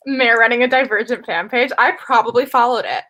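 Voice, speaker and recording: A woman's voice: a little high, brisk, sharp tone. A woman co-hosting a casual book chat with friends, talking emphatically and laughing easily. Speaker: co-host of a book chat livestream.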